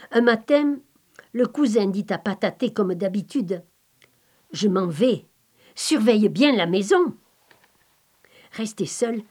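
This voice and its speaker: A woman reading a folk tale aloud in a calm, measured, expressive storybook manner. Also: fairly high pitch. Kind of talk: slow storybook narration.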